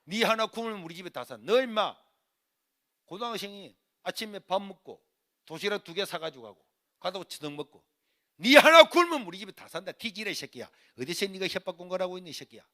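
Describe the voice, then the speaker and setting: A man voicing his angry older brother, shouting rough insults in a Gyeongsang dialect. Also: sits high, big pitch swings, brisk, pitched above the performer's own voice, heavily acted. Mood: angry, mocking.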